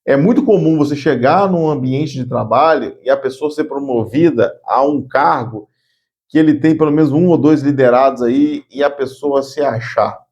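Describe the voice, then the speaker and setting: A man's voice: medium pitch, normal speed, darkish tone, lo-fi sound. A man giving an earnest spoken lesson on workplace communication, often repeating words as he thinks. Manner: acts out curt bossy phrases as examples.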